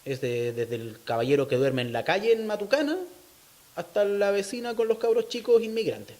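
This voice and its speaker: An interviewee with a Chilean accent and a notably high voice talks thoughtfully about local culture. He sounds animated and a little mellow at a moderate pace, explaining his opinions and often closing a point with a brief questioning tag.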